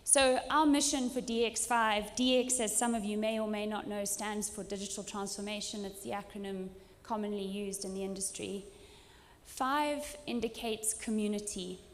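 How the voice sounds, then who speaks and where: A woman's voice: fairly high pitch, a little mellow. A woman from Zimbabwe giving an earnest, emphatic keynote speech at a conference, with some ums. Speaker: conference speaker. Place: conference hall. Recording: hall reverb.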